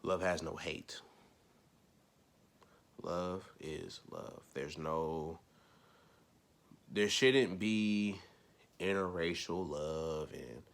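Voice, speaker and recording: Facing the camera, a young male vlogger with a gravelly voice rambles through a casual opinion rant. His delivery loops back on itself and lurches from low mutters to forceful, loud bursts.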